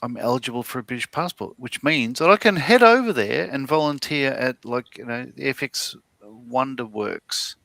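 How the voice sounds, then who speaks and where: Gravelly, bright-voiced Australian man. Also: mid-range voice, animated, moderate pace, hardly any pauses, dry recording. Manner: rambling storyteller with many fillers and restarts. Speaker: livestream co-host. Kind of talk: casual chat.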